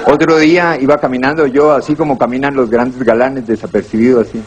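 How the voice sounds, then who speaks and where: A Colombian man doing stand-up, telling self-deprecating stories in a deadpan way and acting out the dialogue. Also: mid-range voice, brisk, muffled recording, very noisy. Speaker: stand-up comedian.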